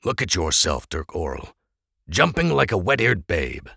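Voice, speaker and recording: A man's voice: low-pitched, wildly swooping pitch, normal speed, vocal fry, sharp tone, breathy edge, no echo, studio quality, exaggerated voice. A man voicing a scheming male merchant neighbor who speaks in odd, stilted phrases. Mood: sly.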